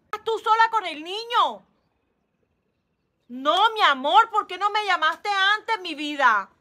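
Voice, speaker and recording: A woman's voice: very high voice, expressive, measured pace, full character voice. A woman playing a furious scolding mother. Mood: worried. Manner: scolding, shouting. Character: angry mother who employs the nanny. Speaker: employer of the nanny. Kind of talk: amateur skit acting.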